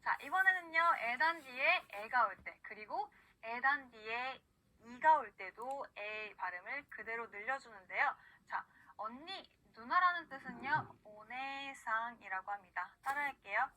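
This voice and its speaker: A woman teaching a recorded online pronunciation lesson, patiently saying words slowly for the learner to repeat. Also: fairly high pitch, expressive, sharp tone, low-quality recording. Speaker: language teacher.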